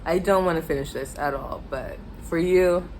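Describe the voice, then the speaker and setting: Lower-voiced American woman chatting through a mukbang. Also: normal speed, darkish tone, a little hiss or hum, low-quality recording. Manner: eating spicy noodles while talking, mouth sometimes full; informal and chatty, self-deprecating. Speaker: mukbang vlogger telling stories. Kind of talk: casual storytime chat to viewers.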